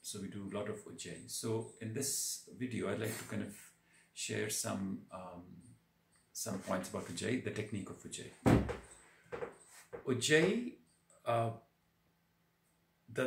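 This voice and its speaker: A man giving a spoken yoga breathing lesson, explaining in a halting, deliberate way with repeated words. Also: lowish voice, gravelly, a bit bright, slight background noise. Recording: roomy echo on the voice.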